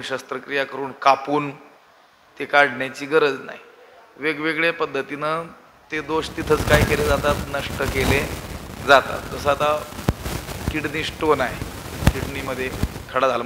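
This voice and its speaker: A man giving a devotional sermon on scripture, asking the audience rhetorical questions and hitting key words with sudden loud emphasis. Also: on the high side, big-room sound, background noise. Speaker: preacher.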